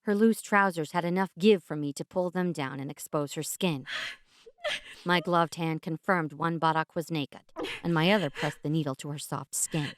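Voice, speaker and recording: A woman narrating a fantasy story in the first person as a dramatic, theatrical reading with deliberate pauses. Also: low-pitched, no room sound. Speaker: audiobook narrator.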